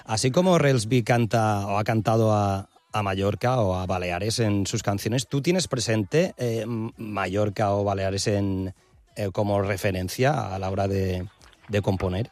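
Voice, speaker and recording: A man interviewing a musician, asking relaxed, somewhat hesitant questions and giving short affirmations. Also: fairly low pitch, a little slow, dry recording. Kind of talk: casual interview.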